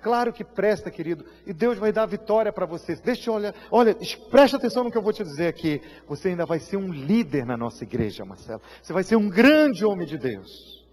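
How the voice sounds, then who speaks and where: Brazilian pastor preaching, highish voice, big church echo, gets loud and teary. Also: male voice, big pitch swings, a little fast, hardly any pauses. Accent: Brazilian Portuguese. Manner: emotional storytelling, acts out voices, shouts at peaks. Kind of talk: sermon. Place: church hall. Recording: live church hall reverb.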